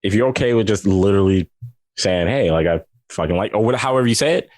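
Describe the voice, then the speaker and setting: A man's voice: lowish voice, quick pace, darkish tone, dry recording. A man with a British accent chatting casually as a podcast co-host, laid-back and teasing, swearing freely, heard over a video call. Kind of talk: casual chat.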